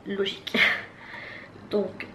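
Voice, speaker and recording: Woman chatting through a makeup haul. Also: extremely slow. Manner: chatty, hesitant with many fillers and restarts. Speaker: beauty vlogger. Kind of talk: casual makeup haul review. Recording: echoey room with faint background noise.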